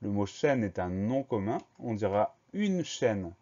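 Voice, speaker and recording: A man teaching a French spelling lesson, slowly spelling each word letter by letter and explaining the grammar. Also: lowish voice, big pitch swings, dark tone, muffled recording. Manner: slow, methodical, spells words letter by letter.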